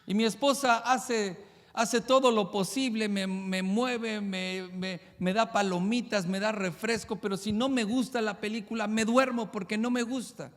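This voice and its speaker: High-voiced pastor preaching. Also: male voice, fairly even intonation, big-room sound. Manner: emphatic, rapid-fire rhetorical questions. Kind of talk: sermon.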